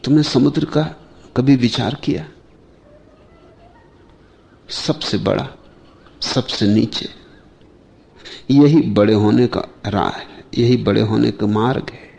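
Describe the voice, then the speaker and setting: A spiritual teacher gives a discourse slowly and deliberately, leaving long pauses between short phrases. His mid-range voice is mellow and dark with a gravelly edge. He frequently puts rhetorical questions to his listeners.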